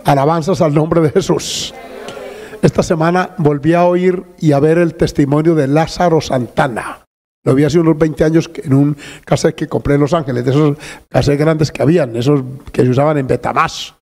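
A man's voice: a little high, steady tone, normal speed, a little mellow. An older man preaching a fervent sermon as a pastor, breaking often into praise and hallelujahs. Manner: fervent, exclamatory, interjects hallelujahs. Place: church sanctuary. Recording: long reverb of a church hall.

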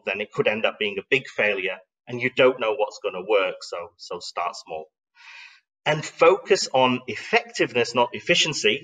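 With a pushed, bright, mid-range voice, a middle-aged man presents slides in a live online talk. His delivery is explanatory and conversational, reflective and emphatic, with frequent rhetorical questions. He's recorded from a distance in low quality.

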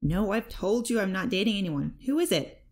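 A woman voicing a friendly, flustered young heroine in a fanfic audiobook, talking in a chatty, animated way, higher than her narration. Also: normal speed.

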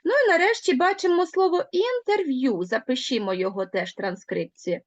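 A woman teaching an online grammar lesson, speaking clearly and deliberately and drawing out words slowly for the class. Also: sits high, dry recording, lo-fi sound.

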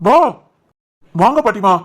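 A woman with a Kanyakumari-Tirunelveli Tamil accent voicing a stern, protective young father in an animated story, scolding harshly. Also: mid-range voice, takes it slowly, noisy background.

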